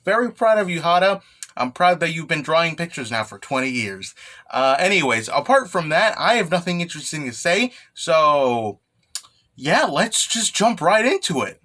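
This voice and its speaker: Male manga recap host, excited anime fan, slightly high, punchy bright voice, informal and irreverent. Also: normal speed. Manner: often tags phrases with "okay" or "right". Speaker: host of a manga chapter review channel. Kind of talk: casual fan recap commentary.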